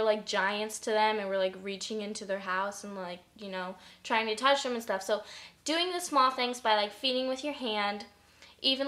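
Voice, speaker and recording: Young woman vlogger, a bit high-pitched, loose and chatty how-to delivery. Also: sharp tone. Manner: chatty, lots of fillers. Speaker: pet vlogger. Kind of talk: casual how-to vlog.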